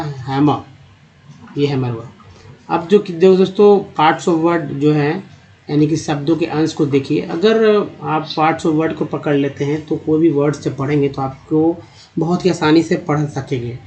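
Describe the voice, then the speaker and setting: A man teaching English pronunciation to Hindi speakers, spelling out words and repeating each one slowly while quizzing the viewer. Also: fairly high pitch, steady tone, a little mellow. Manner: repeats each word slowly, drilling vowel sounds; addresses viewers as friends, asks rhetorical questions. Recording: dull lo-fi recording.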